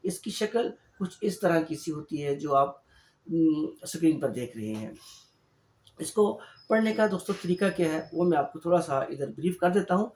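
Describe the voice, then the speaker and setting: A man teaching Quran reading in an online lesson. He explains step by step and repeats syllables slowly and patiently. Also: a little high, animated, a little mellow, reverberant. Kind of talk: online lesson, slow drilled letter sounds.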